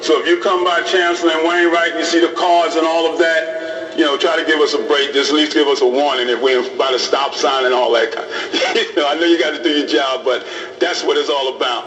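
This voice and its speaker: A middle-aged imam talks plainly to a class of police recruits, leaning on repetition to make his points. His voice sits a little high for a man. It carries through a big echoing hall and reaches a microphone set some way off. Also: fairly even intonation, a little fast, a bit bright. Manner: plain-spoken, repeats phrases for emphasis. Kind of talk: informal talk to police recruits. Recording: roomy hall audio from a distant mic.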